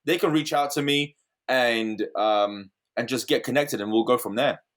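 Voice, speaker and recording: A man's voice: mid-range voice, normal speed, a bit bright. Earnest man from the UK giving advice. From United Kingdom. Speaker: guest. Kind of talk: casual podcast interview.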